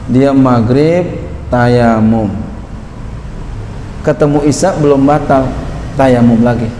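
A man's voice: medium pitch, mellow. A middle-aged man teaching a religious lesson, reading Arabic text, translating it line by line and coaching students through a demonstration. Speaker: kyai teaching a classical book. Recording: roomy hall with faint traffic.

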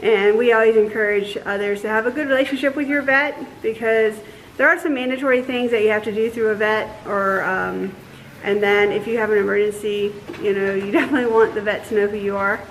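A woman in her thirties, a dairy farmer co-hosting a casual farm vlog, explaining things in a relaxed way with fillers, filmed in an open barn by a nearby camera. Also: medium pitch, brisk, slight background noise, low-quality recording. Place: open-sided barn outdoors.

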